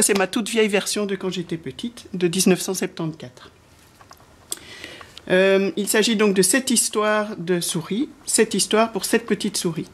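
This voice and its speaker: A woman in her forties reading a children's storybook aloud, slowly and expressively. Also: medium pitch, breathy edge. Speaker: reader of a children's book.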